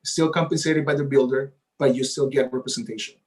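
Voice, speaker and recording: A realtor guest, male and a native Spanish speaker, talks through a casual interview at a middle pitch and a slightly fast clip. His tone is steady, easy and conversational. Eager and talkative, he runs on at length and often tacks on "right?".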